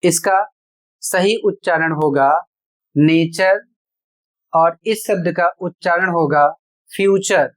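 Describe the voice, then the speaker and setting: Here the teacher's mid-range voice is a little slow and fairly bright. The spoken classroom lesson covers pronunciation, spelling out words letter by letter and explaining each rule in steps, asking rhetorical questions.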